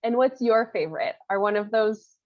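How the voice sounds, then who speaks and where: A woman's voice: mid-range voice, animated, normal speed. A woman interviewing a guest in a casual conversation, asking short questions and giving encouraging replies. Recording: dull lo-fi audio.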